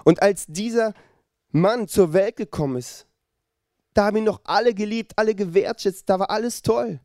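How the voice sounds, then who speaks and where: A pastor preaching a lively sermon and speaking directly to his listeners. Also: sits high, moderate pace, dry recording, clean studio sound.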